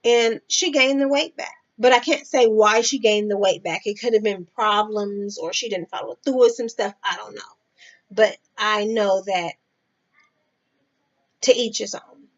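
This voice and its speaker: A woman's voice: medium pitch, measured pace. A woman giving blunt, profane advice in a casual vlog, talking straight to the viewer. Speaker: vlogger. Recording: dull lo-fi sound.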